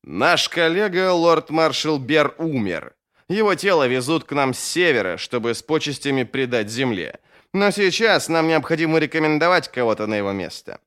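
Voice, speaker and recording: A man voicing an officious old royal chamberlain in an audiobook, in a measured, slightly raised voice. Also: fairly high pitch, big pitch swings, fairly bright tone, pitched above the performer's own voice. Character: old court chamberlain, smooth and managing.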